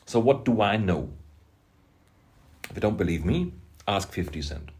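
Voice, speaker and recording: Austrian man, low voice, slow and emphatic, opinionated vlogger with halting asides. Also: sing-song, darkish tone. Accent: Austrian German. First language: German. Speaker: music producer and rapper. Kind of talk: opinionated vlog monologue.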